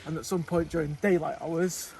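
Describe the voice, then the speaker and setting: Halting young man, slightly high. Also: fairly even intonation, a little mellow, a little hiss or hum, low-quality recording. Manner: hesitant, halting, many ums and restarts. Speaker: travel vlogger. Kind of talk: casual outdoor vlog chat. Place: outdoors in a field. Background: background music.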